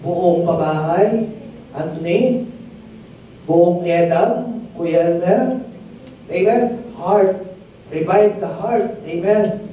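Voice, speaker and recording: Speaking very slowly with frequent pauses, this male pastor has a warm, high voice. His sermon weaves storytelling testimony that swells to emphatic peaks, and he keeps asking listeners to respond "amen" in call-and-response fashion. The sound is far-miked in a very echoey hall with slight noise.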